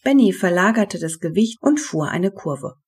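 A woman narrating a children's storybook in a calm, even reading. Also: lowish voice, normal speed, breathy edge. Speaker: audiobook narrator.

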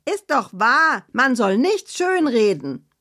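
Woman voicing a young storybook girl, excitable, blunt, high-pitched, breathless, dramatic. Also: takes it slowly, heavily acted. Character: excitable, blunt young female island friend.

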